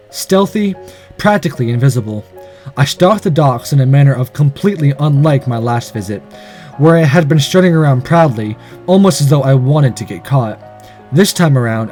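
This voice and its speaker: A man with a medium-pitched voice reads a visual novel aloud expressively as a let's player, adding casual, sweary, off-the-cuff commentary.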